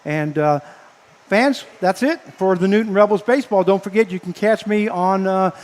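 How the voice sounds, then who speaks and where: A man broadcasting baseball, signing off live from the press box, speaking haltingly and earnestly with many fillers, emotional and choked up. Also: sits high, a little mellow. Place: press box above a ballpark. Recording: long hall-like reverb.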